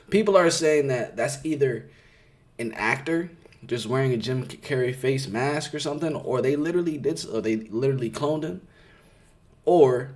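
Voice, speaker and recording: A man with a New York accent gives casual commentary to camera as a reaction host. He sounds skeptical and emphatic, leans on repeated words, and keeps his voice at a middling pitch.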